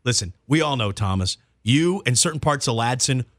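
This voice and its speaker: A man hosting a podcast in a joking, excitable casual chat. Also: medium pitch, normal speed, dry recording, clean studio sound. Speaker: podcast host.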